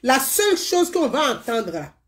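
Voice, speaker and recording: A woman from Côte d'Ivoire with an Ivorian French accent, talking to viewers in a casual live-stream monologue, emphatic and repetitive, her sentences often trailing off softly. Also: high-pitched, sing-song, normal speed. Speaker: live-stream political commentator.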